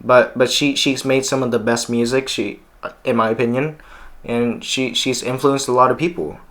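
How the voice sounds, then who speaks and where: Earnest teenage podcast host. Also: male voice, mid-range voice, fairly even intonation, moderate pace, fairly bright tone. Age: teens. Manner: earnest, stumbling over repeated words. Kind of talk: casual chat.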